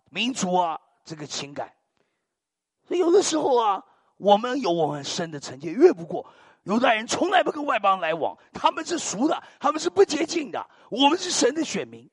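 An older male preacher delivers a sermon in a high, husky voice that swoops wildly up and down. He tells stories dramatically and drops low hallelujahs between his lines. The sound is dry and close. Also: no room sound. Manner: animated, dramatic storytelling peppered with muttered hallelujahs.

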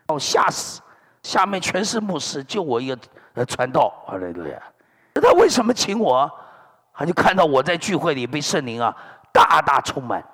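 A middle-aged male pastor preaching a sermon, telling stories with lots of energy and dropping in hallelujahs and amens. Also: fairly high pitch. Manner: animated storytelling preacher, sprinkling hallelujahs and amens. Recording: long hall reverb.

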